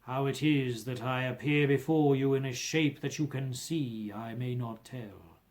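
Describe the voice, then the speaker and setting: A man's voice: mid-range voice, darkish tone, voice pushed down, lightly acted. A man voicing the anguished, remorseful ghost of a dead businessman in a storybook reading, mournful and declamatory. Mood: solemn warning. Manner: slow, mournful, declamatory wailing.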